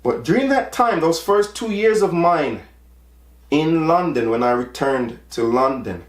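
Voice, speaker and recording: A man's voice: fairly high pitch, animated, measured pace, echoey room. A man in his forties from Jamaica, talking earnestly about his own life and often repeating words as he presses a point. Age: 40s. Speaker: podcast host. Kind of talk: personal monologue.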